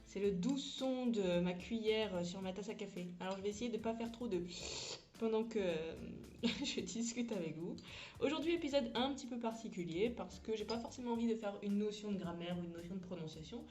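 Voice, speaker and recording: A woman's voice: mid-range voice, a little fast, darkish tone. A woman English teacher talking casually in a podcast, chatty and frank, laughing often and using crude slang.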